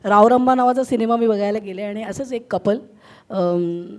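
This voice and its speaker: A woman's voice: mid-range voice, moderate pace, a little mellow. A woman, an actress guest on a stage chat, earnestly describing a kind gesture from a fan. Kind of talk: casual stage anecdote.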